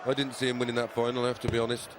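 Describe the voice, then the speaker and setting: A man's voice: medium pitch, little pitch movement, rapid-fire. A man giving conversational analysis as co-commentator on live darts. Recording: clear crowd and venue noise behind.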